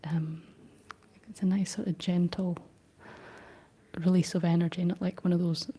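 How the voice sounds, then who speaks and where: Whispering softly on an ASMR livestream, this young woman with a Scottish accent takes her time responding to viewer comments. Her pitch barely moves, her deep voice carries a breathy edge, and there's a slight frog in her throat.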